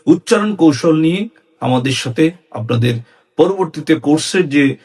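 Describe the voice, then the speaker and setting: Husky-voiced man teaching Bengali diction. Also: on the high side. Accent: Bangladeshi Bengali. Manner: clear, measured teaching delivery with lively rises and falls. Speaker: speech and debate instructor. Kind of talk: educational lesson on Bengali syllables.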